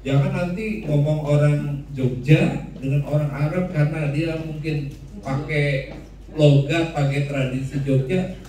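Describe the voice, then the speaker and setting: A man's voice: a little high, fairly even intonation, measured pace, mellow. A man teaching a class, joking and asking the room questions. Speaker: instructor. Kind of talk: classroom lecture with audience questions. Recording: echoey room, voice from far off the mic.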